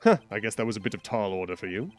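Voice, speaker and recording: A man's voice: fairly low pitch, animated, rapid-fire, soft background music, voice pushed down, close to an everyday voice. Brief: a man playing a haughty prosecutor, dry and dismissive. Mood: smug.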